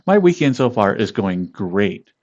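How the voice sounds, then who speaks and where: A man streaming live and chatting casually with viewers, laughing often and greeting them by name in a relaxed, meandering way. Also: on the low side. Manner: relaxed, meandering, with fillers and pauses. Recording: dull lo-fi stream audio.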